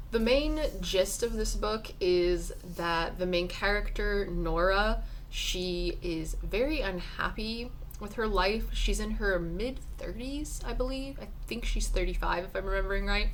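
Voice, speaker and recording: A woman's voice: lowish voice, a bit bright, slight background noise. A woman chatting casually and informally to camera as a book vlogger, with a slight lisp as if talking around braces.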